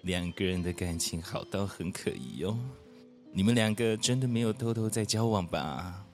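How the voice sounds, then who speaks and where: A man's voice: low voice, normal speed, faint music behind. A man playing a gossipy young male friend who teases the pair about dating. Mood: teasing. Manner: teasing, gossipy.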